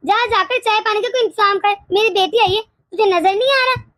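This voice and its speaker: Bossy old cartoon mother-in-law, super high voice, scolds nonstop. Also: a little fast, no room sound, clean studio sound. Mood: scolding. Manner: nagging, scolding, sharp-tongued. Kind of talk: animated storybook voice acting.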